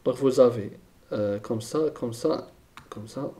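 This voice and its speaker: A man's voice: medium pitch, slow, warm tone. A man teaching a chemistry lesson, thinking aloud and repeating key terms, often checking with "d'accord?".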